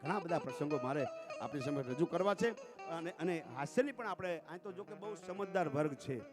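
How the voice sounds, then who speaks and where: A man's voice: on the high side, lively intonation, brisk, over music. A man, telling folk stories and jokes on a dayro stage in a rhythmic, declaiming manner. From Gujarat. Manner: declamatory, rhythmic recitation of sayings, with frequent "saheb" addresses. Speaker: folk dayro storyteller and emcee. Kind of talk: folk stage oratory with humorous anecdotes.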